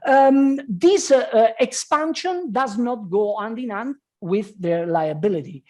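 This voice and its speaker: A woman giving an academic conference talk, halting with many hesitations. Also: a little high, darkish tone. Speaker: conference speaker. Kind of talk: academic presentation.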